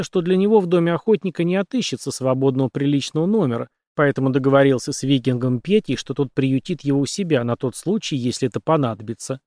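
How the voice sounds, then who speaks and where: A man reading an audiobook aloud in an expressive, dramatic manner. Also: medium pitch, no echo, studio quality. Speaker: audiobook narrator.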